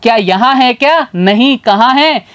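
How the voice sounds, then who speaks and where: A man teaching a literacy lesson in a folksy, repetitive call-and-response way. He sounds out syllables slowly and calls his learners brother and sir. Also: very high voice, lively intonation, a bit bright, clean tone. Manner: slow, sounds out syllables one by one.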